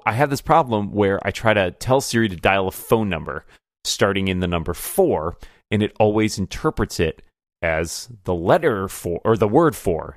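Male podcast host, low-pitched, animated storyteller, dry close-miked sound. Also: dry recording. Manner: animated storyteller, laughs often. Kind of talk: casual chat.

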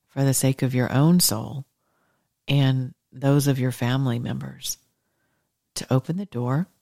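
Devotional host, mid-pitched, conversational and encouraging, earnest direct address, dry close sound. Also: warm tone, no room sound. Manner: informal, conversational. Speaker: host of an evening faith devotional. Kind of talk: devotional talk, informal sermon.

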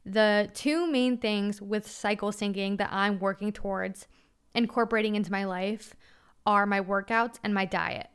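A woman's voice: mid-range voice, fairly even intonation, normal speed, clear, resonant tone. A woman in her twenties hosting a solo podcast, talking frankly and casually with crude slang. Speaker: podcast host.

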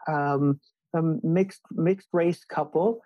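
Over a video call, a man from Hawaii, a law scholar appearing as a guest, answers interview questions earnestly and emphatically, often restarting phrases as he thinks. His voice is a little high and steady, and he speaks slowly. The recording is dry, with the highs cut off.

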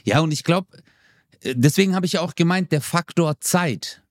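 A man's voice: on the high side, moderate pace, dry recording. Chill slangy guy on a podcast, plays out little quotes, dry close mic. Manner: laid-back, slangy, acts out quoted lines. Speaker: podcast co-host. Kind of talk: casual chat.

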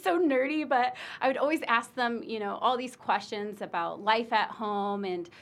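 A woman's voice: a little high, moderate pace, a bit bright. A woman from Illinois who works as an international admissions recruiter. She talks in a casual interview, with plenty of ums and you knows. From Illinois, United States. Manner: chatty, many fillers like um and you know.

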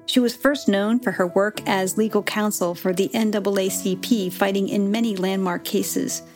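A woman hosting and narrating a documentary podcast in a measured, clear storytelling manner. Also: medium pitch, steady tone, a little mellow, soft background music. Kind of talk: scripted narration.

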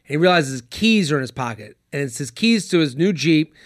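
A man, a comedian guest on a podcast, telling a story in casual chat, animated and swearing freely. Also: fairly high pitch, fairly quick, no echo, studio quality.

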